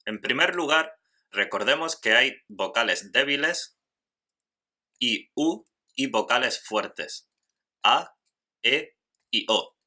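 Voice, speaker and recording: A man teaching a grammar lesson in scripted narration, slowly and carefully spelling out syllables. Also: mid-range voice, lively intonation, pushed and bright.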